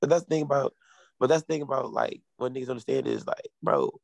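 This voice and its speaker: Creaky, dry-sounding frat-bro young man. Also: mid-range voice, expressive, fast talker, no echo. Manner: frat-bro slang, sweary, heavy use of "like". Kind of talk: casual chat, animated retelling.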